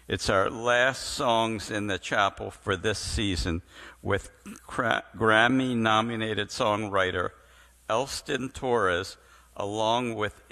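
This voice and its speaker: A man reading congregation announcements in a slow, measured way. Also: on the low side, sharp tone. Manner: slow and measured, clearing his throat. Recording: reverberant hall.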